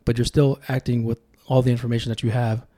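Speaking quickly in a mellow, mid-range voice with little pitch movement, this man is a political candidate guesting on a laid-back podcast. Originally a Tongan speaker from Sacramento, California, he reflects on things through storytelling.

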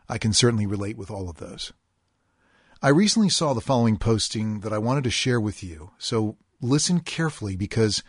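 Husky-voiced man hosting a podcast. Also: on the low side, no echo, studio quality. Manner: earnest, deliberate, stretches key words. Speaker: podcast host. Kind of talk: podcast monologue reading a listener posting.

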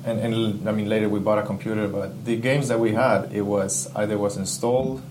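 In a lowish voice and at a slightly fast pace, an Ecuadorian guest chats casually in an interview. He's a game UI/UX artist who sounds enthusiastic and reflective while searching for words, and a steady hum sits behind him.

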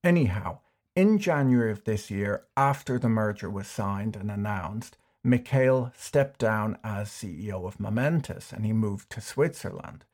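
A man hosting a scripted finance explainer, delivering it with dry, wry deadpan humor. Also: lowish voice, unhurried. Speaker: YouTube finance commentator.

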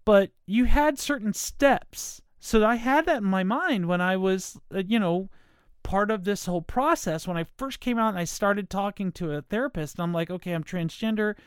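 A woman's voice: medium pitch, expressive, normal speed, smooth, dry recording, studio quality. American woman talking with dental aligners in. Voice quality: speech slightly impeded by dental aligners. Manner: rambling, circling back, apologetic. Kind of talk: casual unscripted monologue.

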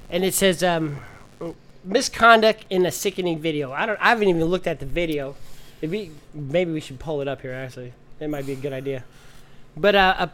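A man's voice: high voice, a bit bright. A man co-hosting a casual podcast, laughing often as he reads news aloud. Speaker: podcast co-host. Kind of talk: casual chat.

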